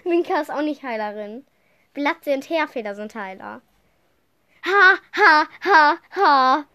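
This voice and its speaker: A young woman co-hosting a podcast speaks slowly in a high, expressive, pushed and bright voice. In playful, casual quiz banter, she reads clues and descriptions aloud and laughs often.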